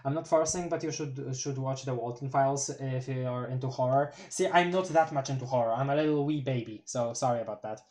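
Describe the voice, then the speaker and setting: A mid-range, darkish voice runs a little fast with hardly any pauses. It belongs to a Polish streamer, a native Polish speaker with a light accent, who reads a webcomic aloud in casual live-stream chatter, giggling a lot and fumbling long words.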